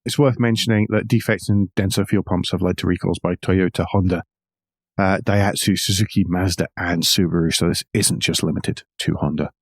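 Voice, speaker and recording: A man with a low, steady voice speaks fairly quickly in a dry recording as co-host of a motoring news podcast. His car news talk is partly read out and partly conversational, with wry asides.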